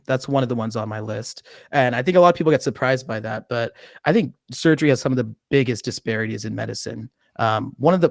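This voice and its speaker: A medical student in his twenties speaks over a video call in a small indoor room, using a studio mic and headphones. His medium-pitched voice has vocal fry and the recording is dry. It's a casual interview, and he explains things earnestly while laughing often.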